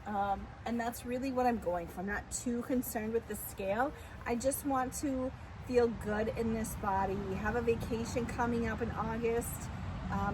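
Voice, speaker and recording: A woman with a fairly high voice speaks in a casual, confessional vlog style. She is candid and chatty, often slipping into self-encouraging pep talk. A clear vehicle-like ambient noise sits behind her voice. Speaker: vlogger, amateur physique competitor.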